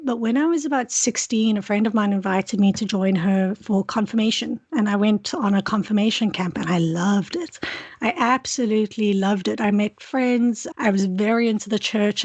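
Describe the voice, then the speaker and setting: With a medium pitch and a slightly mellow quality, a South African PhD student talks through an interview in her native accent. She's candid and considered, frequently restarting what she says, and the audio has no echo.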